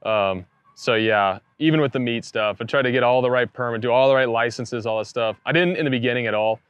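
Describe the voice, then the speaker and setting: A man's voice: medium pitch, a little fast, clear, resonant tone, no room sound, lo-fi sound. Guy in his 30s showing folks around his chicken farm, laid-back explaining, lapel mic outdoors. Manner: relaxed, matter-of-fact explaining. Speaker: pastured poultry farmer. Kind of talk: casual farm tour talk. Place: outdoors on a farm pasture beside a coop.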